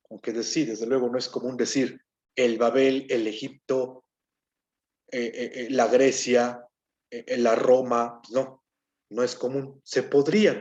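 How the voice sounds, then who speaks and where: A man's voice: medium pitch, darkish tone, lo-fi sound. A man teaching a grammar lesson, explaining step by step and often checking in with his listeners. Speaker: Hebrew teacher.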